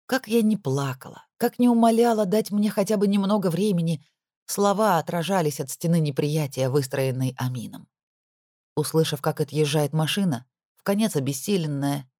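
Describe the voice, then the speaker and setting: A woman's voice: sits low, mellow, no echo, clean studio sound. A woman narrating a first-person audiobook with emotional, intimate delivery.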